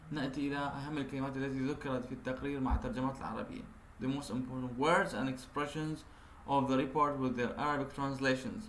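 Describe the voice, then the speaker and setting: A male university lecturer from Iraq, giving a recorded lecture, reading slowly in English and then explaining at length. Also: on the high side, fairly bright tone. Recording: echoey room with faint noise.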